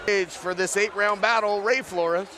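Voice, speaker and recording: High-voiced male boxing play-by-play commentator. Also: steady tone, a little slow. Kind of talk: live sports commentary.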